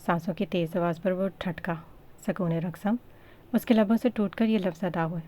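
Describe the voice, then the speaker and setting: A woman narrating a romance novel as a steady, scripted audiobook reading. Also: lowish voice, fairly quick. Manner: steady, storytelling.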